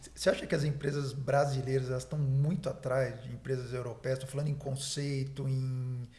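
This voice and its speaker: A man's voice: medium pitch, flat delivery, fairly quick, mellow. A Brazilian man speaking Brazilian Portuguese as a podcast host, asking short questions and echoing his guest. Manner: short prompts and echoes of the guest. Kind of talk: casual interview chat.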